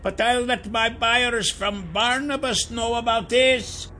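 A squeaky, sharp-edged goblin leader, as a male narrator puts him on, giving curt orders. The voice sits very high and bright, spoken slowly and firmly. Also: fairly even intonation, slight background noise, full character voice. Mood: stern. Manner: high, clipped and commanding. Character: shape-shifted wizard posing as a goblin, male, stern. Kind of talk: audiobook character voice.

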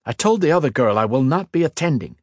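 A man's voice: medium pitch, sing-song, unhurried, darkish tone, no room sound, studio quality, voice pushed up. A man playing a proud young mage lord. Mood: snapping. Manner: firm, clipped replies.

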